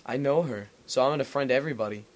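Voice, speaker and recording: A man's voice: mid-range voice, quick pace, slight background noise. A young man co-hosting a casual podcast, teasing and snarky. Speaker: podcast co-host. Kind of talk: casual chat.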